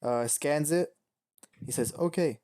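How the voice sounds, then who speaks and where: A man runs a tabletop game for his friends, narrating in an easygoing, unpolished way. His pitch sits in the middle and he fills his pauses with ums and uhs. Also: no room sound. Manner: relaxed, loose narration full of ums. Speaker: game master.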